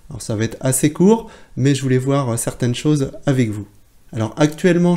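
A photography trainer in his forties speaks casually to camera from a plain indoor room, his medium-pitched voice mellow. It's a relaxed video blog, chatty and full of fillers and restarts.

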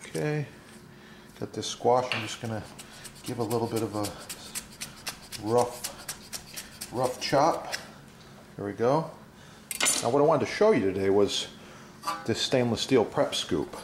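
Middle-aged man, mid pitch, chatty cooking demo, sizzling pan behind. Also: measured pace, long pauses, noisy background. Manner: chatty, enthusiastic, frequent "uh" fillers. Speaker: cooking demonstrator. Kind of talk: casual cooking demo with product plugs. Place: home kitchen at the stove. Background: frying and sizzling in the pan.

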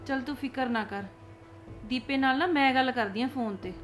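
A woman plays a protective middle-aged mother in a family drama, high-voiced, questioning closely. She sounds concerned and quick to defend her sister. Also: faint music behind, lightly acted. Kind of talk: Punjabi short film acting.

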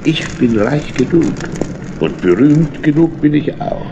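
An actor playing a boastful, gloating tomcat pirate villain in a children's audio play, with a theatrical, sneering, drawn-out delivery. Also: male voice, a little high, lively intonation, gravelly, dull audio. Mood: gloating menace. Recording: noisy, echoing old radio-play recording.

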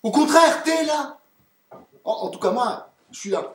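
A man's voice: very high voice, animated, a little slow, a bit bright, distant mic, full character voice. A man playing a gloomy, despairing man, blunt and irritable. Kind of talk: stage play acting. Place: theatre stage. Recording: echoey stage from afar.

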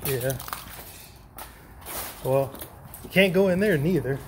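New orleans guy mumbling and swearing to himself, kinda high voice, noisy camera audio. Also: takes it slowly. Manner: casual, cursing, talking to himself. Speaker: urban explorer vlogger. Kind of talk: solo exploring commentary, muttering to himself. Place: abandoned building, indoors and out. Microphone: handheld or body camera.

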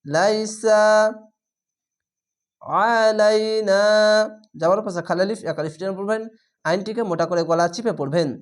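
A Quran reading teacher giving a spelled-out recitation lesson, naming each letter and then chanting the words slowly. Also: medium pitch.

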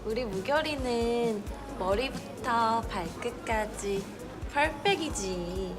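A woman's voice: on the high side, animated, slow pace. An actress playing an adoring young woman gossiping casually with friends in a screen drama. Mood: admiring. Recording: loud music over the dialogue.

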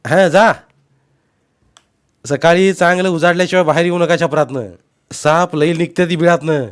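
A man voicing a gruff middle-aged village uncle in a spoken storybook, shouting orders across a stream. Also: medium pitch, very animated, normal speed, natural voice. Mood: commanding. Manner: loud, commanding calls.

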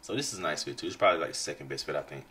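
A young man hosting a reaction video, giving blunt, slangy commentary with loud outbursts. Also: a bass voice, lively intonation, racing, slight background noise, low-quality recording. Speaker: reaction channel host.

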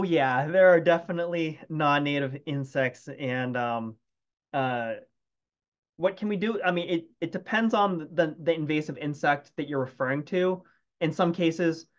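A man's voice: mid-range voice, lo-fi sound. A man, an entomologist, answering audience questions over a video call in a casual, hesitant way with many restarts. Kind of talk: casual Q&A after a talk. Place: home room, video call.

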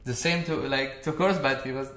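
A man's voice: mid-range voice, moderate pace, fairly bright tone, roomy sound. A man in his thirties from Armenia, a singer and vocal coach, talking casually with many fillers and restarts in a living room. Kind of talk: casual interview. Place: bright living room with large window.

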